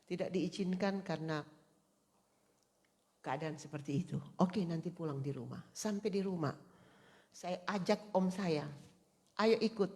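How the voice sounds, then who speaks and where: A woman's voice: unhurried, long pauses. Woman preaching a testimony, tinge. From Indonesia. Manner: storytelling, swings from hushed to loud, emotional rises in pitch. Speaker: preacher at a women's service. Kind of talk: sermon testimony.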